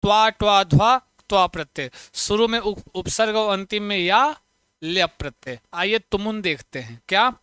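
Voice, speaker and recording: A man teaching a Sanskrit grammar lesson for exams, chanting sound patterns and firing quick questions at students. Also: high voice, lively intonation, a bit bright, smooth, no room sound, clean studio sound. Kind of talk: online exam-prep lesson.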